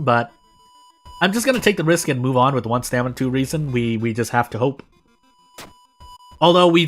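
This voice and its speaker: With music behind him, a man from the United States streams a game and chats casually, his medium-pitched voice a bit bright. He wanders in his commentary and often goes back to fix what he just said.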